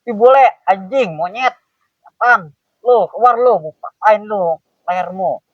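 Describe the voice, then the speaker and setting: A foul-mouthed thug boss, acted by a man, keeps barking threats in a raised, high voice. The sound is dry, with no room around it. It is also dull and lo-fi. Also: measured pace, dry recording. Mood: furious shouting. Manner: shouts crude insults and repeated threats. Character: hot-headed adult male thug boss.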